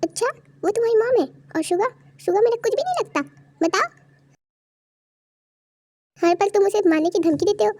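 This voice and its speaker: A high young voice playing a sassy, defiant young wife in an amateur fan audio drama, full of bold quick retorts. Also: darkish tone, no room sound. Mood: angry.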